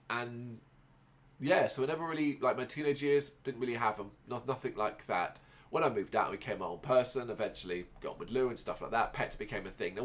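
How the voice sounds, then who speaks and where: A man's voice: medium pitch, a bit bright. Rambling man in a personal monologue. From Ireland. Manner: rambling, halting, with many restarts and fillers. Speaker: podcast host.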